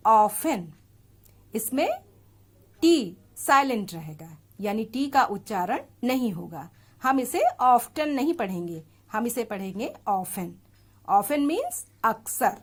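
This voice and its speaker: Slow, patient Indian woman teacher. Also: fairly high pitch. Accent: Indian English. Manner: slow, patient explaining, switching between Hindi and English. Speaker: school English teacher. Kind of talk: classroom lesson explaining a poem.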